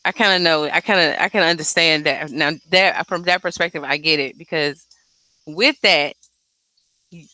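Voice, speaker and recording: In a rough recording, a woman's low-pitched voice comes across pushed and bright. She's a singer-songwriter with a light, airy quality, chatting loosely and frankly about her music, swearing freely and speaking in slang.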